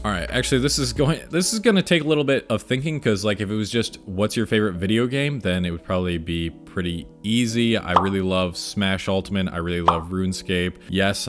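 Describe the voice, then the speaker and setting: A young man with a fairly low voice talks casually to his online audience over background music. He is enthusiastic and laid-back, with plenty of slang, as he takes viewer questions. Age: young adult. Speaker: video creator answering viewer questions.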